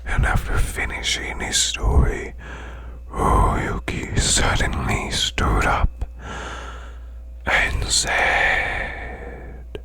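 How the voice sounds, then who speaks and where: Voicing a male demon boss, a performer narrates bedtime tales in an ASMR style. A breathy, growling whisper and slow, deliberate pacing keep everything hushed and eerie.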